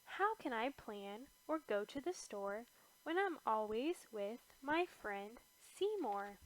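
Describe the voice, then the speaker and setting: Woman as an eager young boy cat, high-voiced. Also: very animated, slow, rough recording. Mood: worried. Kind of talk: children's storybook read-aloud.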